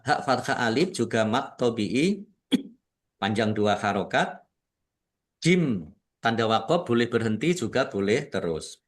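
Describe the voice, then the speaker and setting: A male Quran recitation teacher from Indonesia, speaking at an unhurried, measured pace. He explains each rule with patient repetition and stretches out the words he recites as examples. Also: mid-range voice, animated. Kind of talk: tajwid lesson with slow recitation.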